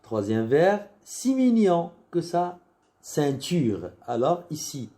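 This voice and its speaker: A male primary school teacher with a Moroccan French accent, talking slowly and patiently through a lesson. His voice is mellow and a little high for a man. He explains step by step and often repeats words as he goes. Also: sing-song.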